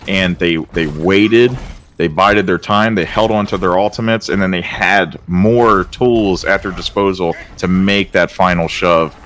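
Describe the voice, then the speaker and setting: Deep low-voiced guy calling an esports match, gets loud and excited on big plays. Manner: casual, uses filler words. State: out of breath. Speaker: esports caster. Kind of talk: play-by-play commentary.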